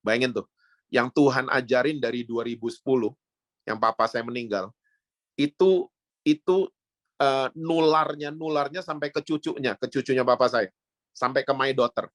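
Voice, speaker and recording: A middle-aged man with an Indonesian accent, preaching a sermon as a pastor and telling family stories, who mixes in English phrases and jumps up high when quoting others. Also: moderate pace, dry recording. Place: church sanctuary.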